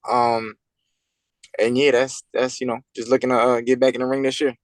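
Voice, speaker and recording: A man in his twenties, from Puerto Rico and raised in Pennsylvania, talking as a boxer guest over a video call in a halting way, full of fillers and repeated words. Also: medium pitch, little pitch movement, no room sound, low-quality recording. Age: 20s.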